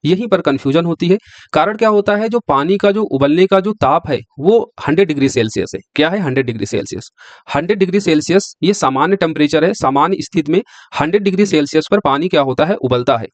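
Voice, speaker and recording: A man's voice: on the high side, lively intonation, quick pace, dry recording. A male teacher giving an exam-prep science lecture who keeps asking the class questions and answering them himself. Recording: dry, slightly dull lo-fi sound.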